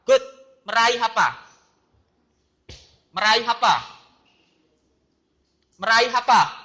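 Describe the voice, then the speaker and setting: A middle-aged teacher, playfully teasing students and calling on them by name in a lively online class. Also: mid-range voice, slow, echoey room.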